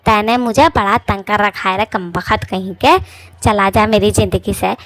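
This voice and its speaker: A woman's voice: steady tone, moderate pace, fairly bright tone, dry recording, lightly acted. A woman voicing a quarrelsome, nagging bald witch wife in a cartoon. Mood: angry nagging. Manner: shrill bickering, insulting. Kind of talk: cartoon voice acting.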